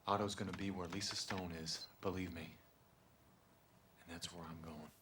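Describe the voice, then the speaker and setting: An actor playing a tough, cocky, stubborn biker hero in a TV action drama. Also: male voice, deep voice, steady tone, normal speed, noisy background, lightly acted. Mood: determined.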